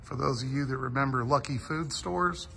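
A man's voice: medium pitch, moderate pace, vocal fry, a bit bright, a little hiss or hum. A man filming a casual walk-through of a vehicle museum on his phone, talking with awe about the collection. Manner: enthusiastic, awed. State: a bit sweaty after driving. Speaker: vlogger touring a vehicle museum. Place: large indoor vehicle warehouse.

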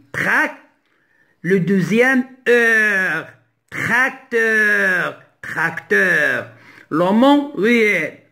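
Moroccan male teacher, high voice, very slow and deliberate, repeats each syllable for the class. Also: sharp tone. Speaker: primary school teacher. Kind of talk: slow French reading lesson with Moroccan Arabic explanations.

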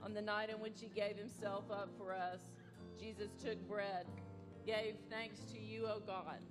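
A woman's voice: medium pitch, flat delivery. Woman minister with a big church-hall echo. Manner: measured, formal liturgical reading. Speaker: minister leading communion. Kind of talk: reading a communion liturgy. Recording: reverberant church with loud guitar music.

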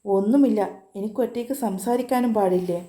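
A pampered young college woman who pouts and answers irritably, read by a woman telling a story. Her voice is very dark and mellow, heard in a roomy, echoing space. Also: medium pitch, brisk, lightly acted. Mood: sulky. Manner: pouting, irritable. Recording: roomy echo.

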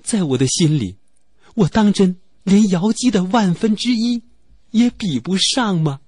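A man's voice: fairly high pitch, big pitch swings, measured pace, a little mellow, husky, dry recording, studio quality, voice pushed up, heavily acted. A man voicing a heartbroken, jealous young fairy woman in an audio novel, speaking in a pleading, bitter manner. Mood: anguished pleading.

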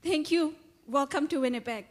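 A woman's voice: high-pitched, moderate pace. A woman from Nepal with a Nepali accent, asking a question from the audience floor in a conference hall, speaking eagerly.

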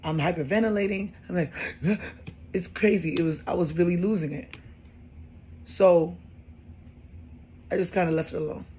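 A woman in her thirties recounts her own story in casual, animated speech, leaning on repeated phrases to drive each point home. A faint ambient hum sits quietly under her voice. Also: on the low side, normal speed, pauses often. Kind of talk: personal storytelling.

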